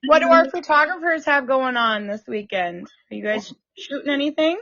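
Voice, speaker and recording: A woman's voice: high-pitched, moderate pace, pushed and bright. A woman in a casual patio chat, wry and teasing. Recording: dry dull lo-fi sound.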